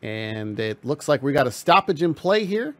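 A man giving casual, excitable play-by-play commentary on a hockey video game stream, laughing often. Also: mid-range voice, moderate pace, no room sound.

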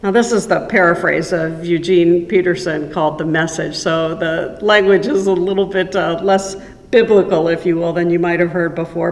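An older woman, a pastor, giving an informal devotional message in a conversational way, putting questions to her listeners. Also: lowish voice. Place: large church sanctuary, indoors. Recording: echoey church hall, long reverb.

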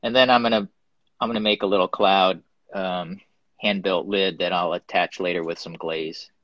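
A man with a lowish voice chats loosely over a live stream from his pottery studio, wandering through his thoughts with many ums and uhs. The audio is dull and dry, like a streamed phone mic. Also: fairly even intonation, normal speed, dry recording. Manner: rambling, full of ums while showing his work. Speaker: guest ceramic artist. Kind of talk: casual live-stream chat. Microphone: phone or webcam on a live video stream.

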